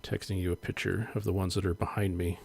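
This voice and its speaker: Gravelly, husky man, slow and laid-back. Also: sits low, flat delivery, darkish tone. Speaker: podcast co-host. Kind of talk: casual chat.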